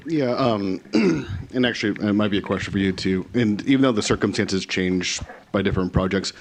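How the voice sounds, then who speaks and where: A man, a council member, asking a question at a council meeting in a relaxed, somewhat hesitant way. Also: lowish voice, a little fast, slight background noise.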